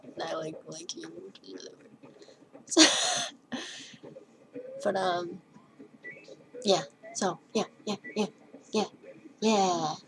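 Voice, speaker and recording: A woman's voice: fairly low pitch, fairly even intonation, slow pace, long pauses, a bit bright, a little hiss or hum, low-quality recording. A teenage girl recording a casual video message to a crush, giggly and nervous, rambling and swearing a lot. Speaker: vlogger. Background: faint music playing.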